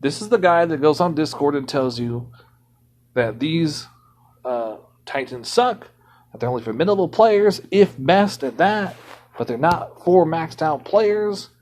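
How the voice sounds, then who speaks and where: A man streams a game from his home computer and rants in casual, indignant commentary. His voice sits a little higher than most men's. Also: animated, unhurried, darkish tone, slight background noise. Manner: ranting, indignant.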